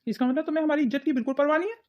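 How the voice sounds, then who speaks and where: A woman's voice: high-pitched, rapid-fire, muffled recording, close to an everyday voice. A woman voicing a conflicted young husband in a cartoon story, who questions and suspects his wife. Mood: suspicious. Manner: suspicious, questioning. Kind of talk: cartoon voice acting.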